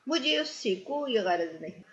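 A woman's voice: fairly high pitch, big pitch swings. A woman voicing an arrogant man who angrily threatens and demands payment. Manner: harsh, threatening. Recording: muffled lo-fi recording.

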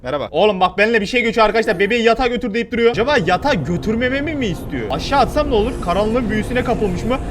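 High-voiced, fast-talking gaming man. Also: expressive, slight background noise. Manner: panicky shouting, joking, talks to the game characters. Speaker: gaming YouTuber. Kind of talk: horror game let's play commentary. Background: game music.

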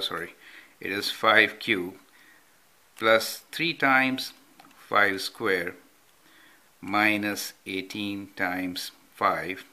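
Off camera, over handwritten notes, a man with a fairly low, bright and forceful voice walks through a math problem as he writes it. He frequently asks "right?" in this whiteboard tutorial.

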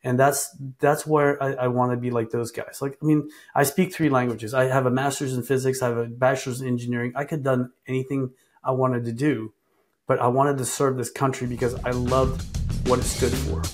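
A man in his fifties from Vietnam, a guest answering interview questions in a soft-spoken, earnest way over a video call. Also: mid-range voice, level tone, brisk, faint music behind. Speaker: political candidate guest.

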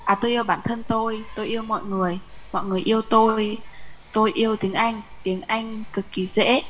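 A woman student reading a motivational chant aloud in steady recitation on a video call. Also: on the high side, a little fast, low-quality recording. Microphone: Zoom call.

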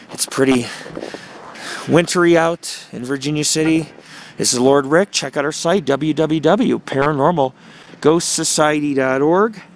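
This man's voice sits a little high as he rambles chattily through a casual tour for his vlog, filming himself outdoors on a small town street with a handheld camera. He's a vlogger and paranormal investigator, and the camera mic picks up plenty of traffic noise.

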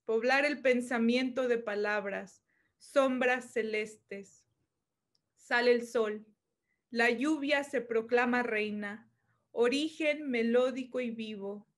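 A woman recites her own poem in a calm, lyrical voice. She sits somewhat high in pitch and takes her time over each line. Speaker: poet. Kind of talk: poetry reading.

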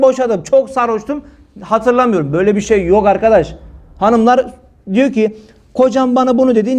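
Male preacher, high voice, scolding and emphatic, religious talk. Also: a little mellow. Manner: scolding, emphatic, rhetorical questions.

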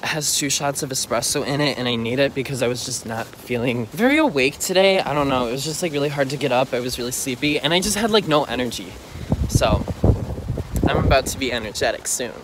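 A young adult man vlogs casually, first in his bedroom and then walking outdoors through city streets, holding his phone at arm's length. He chats excitably and fast at a medium pitch, says "like" a lot, and there is background noise.

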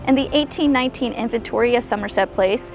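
A woman in her thirties, a historical interpreter, giving a clear, measured outdoor tour talk on a lapel mic. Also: on the high side, over music. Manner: clear, measured presenter delivery. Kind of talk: informative video tour narration. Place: outdoors on a lawn by trees. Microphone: clip-on lapel mic.

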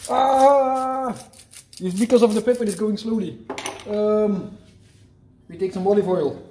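Here a home-cooking vlogger whose first language is Dutch speaks a little slowly in a high, mellow voice. He's playful and jokey, restarting phrases in the middle of a relaxed demo. A moving handheld camera mic records an echoey kitchen, sizzling pans, and a little hiss or hum.

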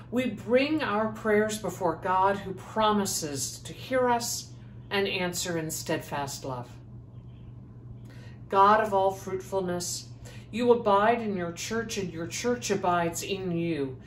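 A woman leading the prayers of a church service in a measured, solemn reading voice, heard with a cathedral-like echo. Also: medium pitch. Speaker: lay prayer leader. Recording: echoey church space, faint background noise.

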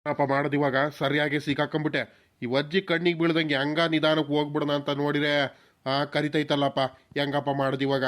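A man's voice: on the high side, fast, natural voice. A man doing a timid, fretful village man. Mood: nervous. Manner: nervous muttering asides, flattering when addressing the granny. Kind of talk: cartoon voice acting.

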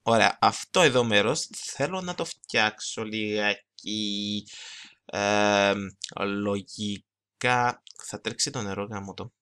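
A young man giving casual gameplay commentary, talking fast and rambling, switching into English phrases and mocking himself. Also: lowish voice, bright, forceful tone, clean tone. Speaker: gaming channel host. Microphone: desktop mic, no camera.

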